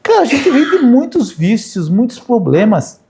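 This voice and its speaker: Middle-aged man, high and mellow voice, informal sermon full of anecdotes. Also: very animated, moderate pace, vocal fry. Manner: chatty, anecdotal, frequent "né?" tags. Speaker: spiritist speaker. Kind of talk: informal spiritual talk with anecdotes.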